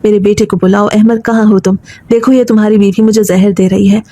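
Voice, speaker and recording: A woman voicing a confused elderly mother who shouts curses and accusations, in a storybook reading. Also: mid-range voice, level tone, natural voice. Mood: furious.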